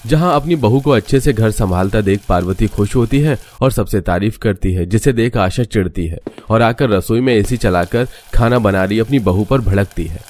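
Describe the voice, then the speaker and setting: A man narrating a cartoon story in a steady, scripted storytelling voice. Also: lowish voice, moderate pace, few pauses, slight background noise.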